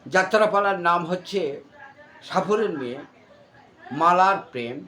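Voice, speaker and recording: A man's voice: high-pitched, animated, a little slow, sharp tone. A man in his sixties with a Bangladeshi accent, answering informally in an interview with wordy, repetitive explanations. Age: 60s. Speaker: interview guest recalling village folk theatre.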